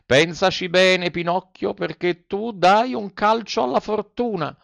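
A man voicing a sly, flattering male fox who talks smoothly to win someone over. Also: high voice, unhurried, no echo, voice pushed up, exaggerated voice. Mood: coaxing. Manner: persuasive, coaxing storyteller delivery.

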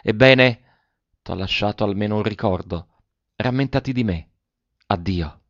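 A secretive masked noblewoman, as a male reader puts her on, teasing and softly reproachful. The voice sits low and dry in a dull lo-fi recording. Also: a little slow, no echo. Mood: mysterious. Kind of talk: audiobook reading.

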